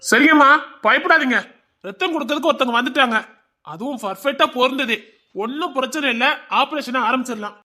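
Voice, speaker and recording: A man playing a calm, reassuring doctor. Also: extremely high pitch, fast talker, full character voice. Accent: Tirunelveli Tamil. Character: reassuring male hospital doctor.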